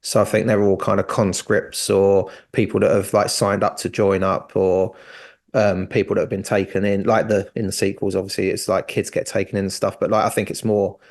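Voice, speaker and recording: A man's voice: low voice, level tone, fairly quick, vocal fry. A man co-hosting a podcast in a casual, jokey way, laughing often. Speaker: podcast co-host. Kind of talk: casual chat.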